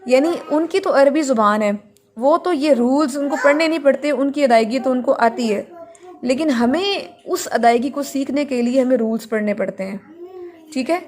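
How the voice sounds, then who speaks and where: Woman, tajweed teacher, patient explaining, slightly high voice. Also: moderate pace, a little mellow. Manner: explains patiently, stretches out recited words to model them. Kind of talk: recorded lesson.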